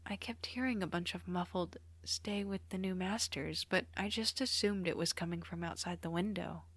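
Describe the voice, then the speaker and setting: A woman voicing a shy teenage boy who mutters and speaks in a hushed, hesitant way in a storybook reading. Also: high voice, moderate pace, dry recording.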